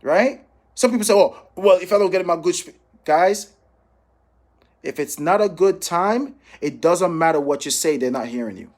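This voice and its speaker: His voice sits high with a darkish tone, animated and moderately paced. He's a financial professional from Jamaica coaching sales calls through an informal, motivational training talk featuring role-played phone examples, speaking emphatically, repeating key phrases and checking in with his audience.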